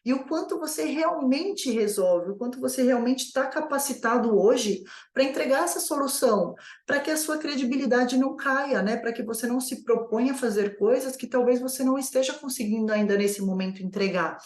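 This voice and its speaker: A woman's voice: high-pitched, a little fast, hardly any pauses, darkish tone, reverberant. A woman coaching new business owners in a conversational lesson, asking herself many rhetorical questions. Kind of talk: online course lesson.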